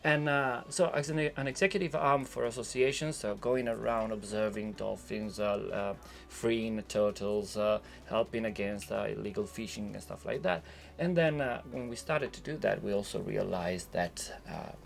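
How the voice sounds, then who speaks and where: Creaky-voiced man in a reflective casual interview. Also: on the low side, moderate pace. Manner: philosophical, rambling, informal. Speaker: interview guest, sailor.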